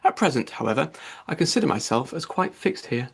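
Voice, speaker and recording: A man voicing an eager, good-natured, impulsive young gentleman in a classic novel audiobook, cheerful and exclamatory. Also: a little high, big pitch swings, a little fast, creaky, breathy edge, heavily acted. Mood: playful.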